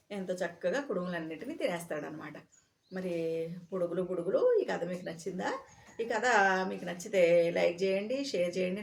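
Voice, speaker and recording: A woman's voice: fairly low pitch, vocal fry, darkish tone. A woman storyteller telling a folk tale in a chatty spoken style, with a habit of ending lines on the same tag word. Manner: chatty, repeats a tag word at line ends.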